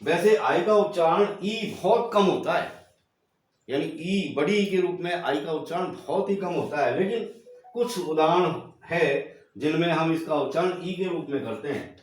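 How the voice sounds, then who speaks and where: A man teaching English pronunciation in a slow lesson, spelling out words letter by letter and then saying them, and addressing the viewers as dear children. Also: on the high side, expressive, far from the mic. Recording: very echoey room, voice away from the mic.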